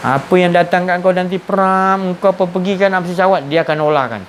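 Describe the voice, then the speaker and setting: A man's voice: high voice, fairly even intonation, a little fast, slight background noise. A man with a Malaysian Malay accent giving a conversational Sufi religious lesson, asking rhetorical questions and often restarting his words. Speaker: religious teacher.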